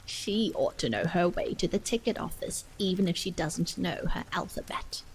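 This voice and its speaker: Storybook goat, loud, scolding, a bit lower, read by a woman. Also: lively intonation, moderate pace, breathy edge, low-quality recording.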